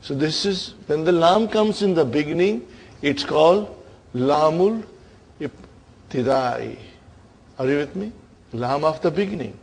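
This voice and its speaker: A man's voice: fairly high pitch, lively intonation, measured pace, long pauses, a little mellow, slightly rough. A man teaching an Arabic grammar lesson, engaging his class with frequent check-in questions and addressing them as brothers and sisters.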